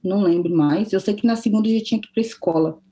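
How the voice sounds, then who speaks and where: A Brazilian woman chatting casually as a guest, telling an animated story and acting out the lines of the people in it. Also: medium pitch, very fast. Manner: animated storyteller who acts out quoted dialogue. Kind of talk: casual chat.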